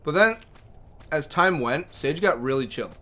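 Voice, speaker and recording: A man's voice: fairly high pitch, lively intonation, measured pace, bright, forceful tone. A man streaming a game, chatting casually and telling stories about his pets between game moves. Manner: chatty, storytelling, reads chat aloud. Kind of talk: casual livestream chat.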